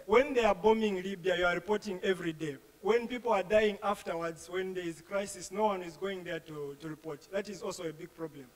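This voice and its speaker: A man in the audience making a halting, critical comment into a handheld mic in a large lecture hall. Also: sits high. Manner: halting, critical, repeats words. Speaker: audience member asking a question.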